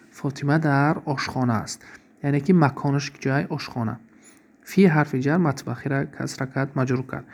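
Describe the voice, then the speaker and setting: A man teaching an Arabic grammar lesson, reading example sentences slowly and then asking and answering his own questions. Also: fairly high pitch, creaky, darkish tone.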